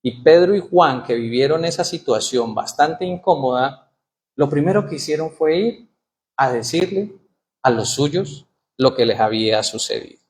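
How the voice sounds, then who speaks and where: A man's voice: on the high side, animated, normal speed, a little mellow. A man preaching a sermon in church, asking the congregation questions and reading scripture aloud with rising emphasis. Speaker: pastor.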